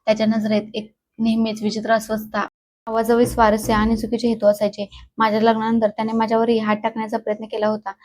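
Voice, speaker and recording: A woman reading the lines of a grave sister-in-law in a spoken storybook, quiet and earnest in her own plain voice. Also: a little high, monotone, fast talker, natural voice, rough recording.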